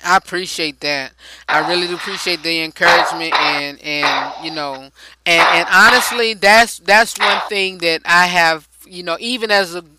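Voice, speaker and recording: A man's voice: high voice, moderate pace, very noisy. A man hosting a talk show in a casual interview, chatty and rambling and often restarting his sentences.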